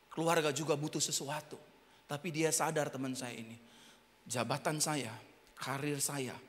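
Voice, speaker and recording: A man pastor with an Indonesian accent preaching a sermon in a large auditorium, swinging between quiet talk and sudden loud shouts. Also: fairly high pitch, big-room sound. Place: hotel auditorium church service.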